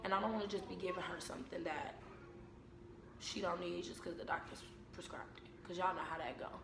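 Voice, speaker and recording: A young American woman chatting casually to camera at home, telling stories in an informal, unhurried way. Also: fairly low pitch, gravelly. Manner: informal, unhurried storytelling with repeated phrases. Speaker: vlogger and mother. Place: indoors at home. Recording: echoey room with background noise.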